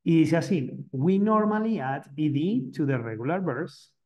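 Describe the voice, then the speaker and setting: A man's voice: fairly high pitch, lively intonation, a little slow, muffled recording. Man teaching English grammar in two languages. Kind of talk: bilingual grammar lesson.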